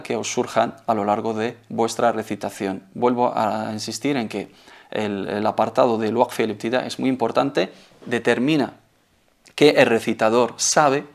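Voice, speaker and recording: A man hosting a televised lesson, explaining recitation rules in a measured way and mixing in Arabic phrases. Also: medium pitch, darkish tone. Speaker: Quran recitation teacher, show host.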